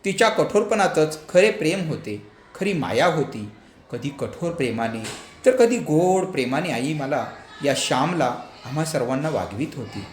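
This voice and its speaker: A man narrating a storybook aloud in an expressive, lively way. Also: a little high, moderate pace. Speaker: story reader. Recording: echoey room, faint background hum.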